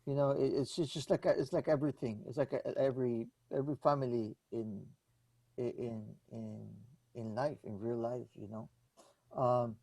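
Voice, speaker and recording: A man's voice: mid-range voice, steady tone, normal speed, warm tone, no room sound, poor audio. Man, earnest and teasing. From Costa Rica. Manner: earnest, teasing, repeats for emphasis. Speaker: member of a brass quintet. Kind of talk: casual Q&A advice.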